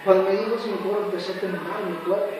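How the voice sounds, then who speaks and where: A man's voice: sits high, fairly even intonation, rapid-fire. A man giving an earnest, dramatic church testimony, acting out the voices in his story. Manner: earnest, dramatic retelling with acted quotes. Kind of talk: spoken personal testimony. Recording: very echoey, far from the mic, faint music.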